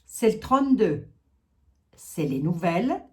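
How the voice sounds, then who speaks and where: A woman's voice: on the low side, big pitch swings, takes it slowly. A French-speaking woman doing a card reading, chatting casually with her viewers and filling her talk with asides. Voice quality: chatty, talks to viewers, many asides and "hein". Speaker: card reader.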